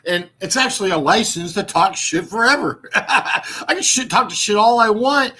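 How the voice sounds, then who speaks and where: His voice sits high with lively intonation, a moderate pace, a bright, forceful tone and a breathy edge. A YouTube host in his sixties, he rambles casually through fillers and restarts, mocking and laughing at his own jokes.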